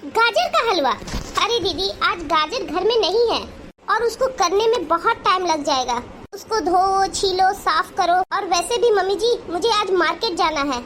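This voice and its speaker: A woman's voice: very high-pitched, lively intonation, unhurried, a bit bright, a little hiss or hum, full character voice. A woman voicing a meek young daughter-in-law in a Hindi cartoon, pleading and apologetic.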